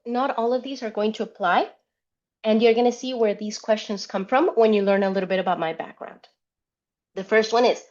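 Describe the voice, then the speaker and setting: A woman's voice: mid-range voice, muffled recording. A woman from Colombia leading an interpreting workshop, chatty and candid, full of rhetorical questions and quoted asides. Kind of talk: conversational workshop presentation.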